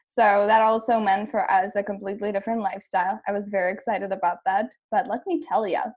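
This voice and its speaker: A woman's voice: mid-range voice, steady tone, quick pace, darkish tone, highs cut off. A woman from the Czech Republic, in her thirties, a guest coach on a podcast, giggly and enthusiastic, laughing often as she talks. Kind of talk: casual podcast interview.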